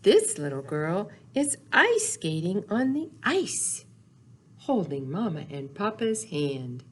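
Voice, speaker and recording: A very animated woman with a lowish voice leads storytime for young children at a library, talking at a slow pace. She reads aloud, sings songs, and asks questions in simple, sing-song phrases, with a little hiss or hum in the background.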